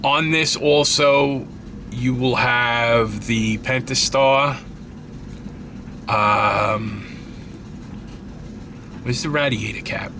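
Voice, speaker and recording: In a noisy setting, a man with a mid-range voice talks extremely slowly and pauses often. Congested and stuffed up, he rambles through a casual tutorial on his scale model build, correcting himself repeatedly.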